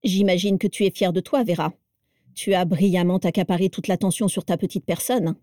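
A woman's voice: lowish voice, fairly even intonation, brisk, warm tone, no echo, clean studio sound, natural voice. A woman voicing a cold, stern old wizard who scolds with disdain, read in an audiobook. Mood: scolding. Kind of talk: audiobook character reading.

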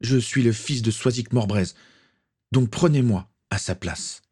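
A man's voice: medium pitch, a little slow, dark tone, slightly rough, pitched above the performer's own voice. A man voicing a brave, self-sacrificing young boy in a storybook reading. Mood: pleading. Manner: pleading.

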